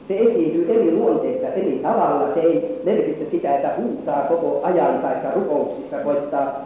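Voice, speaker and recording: A man's voice: on the high side, mellow, far from the mic, slight background noise. A man preaching a fervent sermon in a large church hall, his intensity rising and falling. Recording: echoey hall recorded from afar.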